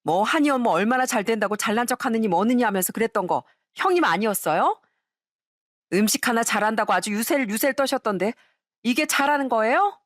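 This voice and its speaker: A snooty younger sister-in-law in an audio story, mocking and condescending, as a woman storyteller puts her on. Her pitch swings widely, heard in a dry, close recording. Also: lively intonation, brisk, dry recording. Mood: sneering.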